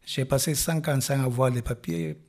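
Middle-aged guy, husky voice, halting, keeps restarting and trailing off. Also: mid-range voice, sing-song, a little mellow. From Guinea-Bissau. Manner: halting, restarts phrases, drops off at line ends. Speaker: interviewee, refugee musician. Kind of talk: casual interview talk.

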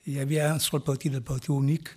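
Middle-aged guy, husky voice, halting, keeps restarting and trailing off. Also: mid-range voice, flat delivery, dark tone. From Guinea-Bissau. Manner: halting, restarts phrases, drops off at line ends. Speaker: interviewee, refugee musician. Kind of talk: casual interview talk.

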